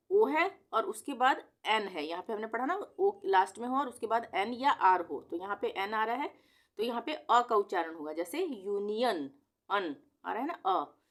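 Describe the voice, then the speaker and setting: Slow, patient woman teaching pronunciation. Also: mid-range voice. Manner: slow, patient, repeats each rule and asks rhetorical questions. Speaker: Hindi teacher. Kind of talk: explaining pronunciation rules.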